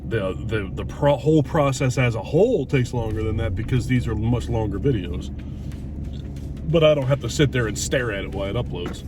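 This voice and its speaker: A middle-aged man talks casually and candidly, as a vlogger would over a meal. His voice sits at an average pitch and his manner is blunt and reflective. He is recorded a little away from the mic in a car, with music behind him. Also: animated, fairly quick, far from the mic, noisy background. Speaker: YouTube vlogger. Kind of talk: casual, candid chat to camera and companion while eating.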